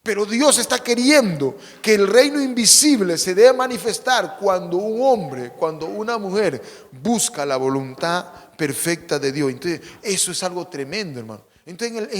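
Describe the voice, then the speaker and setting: A male pastor preaching a sermon, asking the congregation rhetorical questions and swinging between loud emphatic lines and quiet asides. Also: high voice, big-room sound. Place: church sanctuary.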